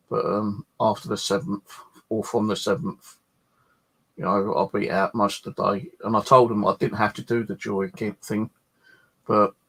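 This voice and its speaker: A man chats casually and ramblingly about his own life, grumbling and swearing colloquially. His voice is lowish, gravelly, and a bit bright, and the recording is low quality.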